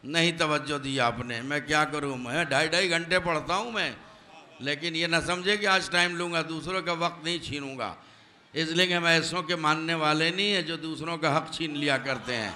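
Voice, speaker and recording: Emphatic male preacher, bright voice. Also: a little high, a little hiss or hum. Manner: addresses audience directly, demanding attention; emphatic, rhetorical questions. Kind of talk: religious sermon.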